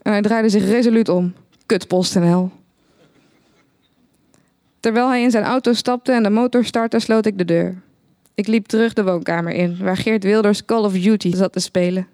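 A woman narrating a satirical short story in the first person, with a dry, deadpan manner. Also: mid-range voice, brisk, no echo.

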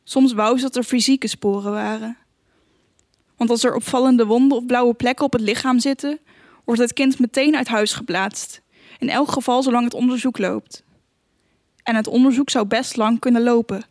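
A woman narrating an audiobook in a calm, measured, even reading voice. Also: fairly high pitch, dry recording, clean studio sound. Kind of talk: scripted narration.

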